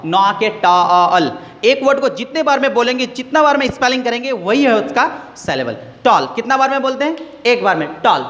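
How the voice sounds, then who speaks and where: A man teaches a grammar lesson in a high, very animated voice that leaps up and down as he stresses each point. He goes over terms again and again and keeps quizzing his listeners. The room gives his voice a long, ringing reverb. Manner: explains slowly, repeats key words, quizzes listeners.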